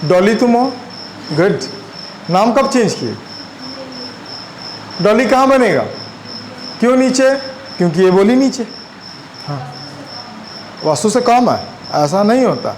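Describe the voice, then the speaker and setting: A man's voice: high-pitched, sing-song, takes it slowly, long pauses, a little mellow, slight background noise, rough recording. A man teaching a physics class, chatty and constantly quizzing his students. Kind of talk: classroom lecture.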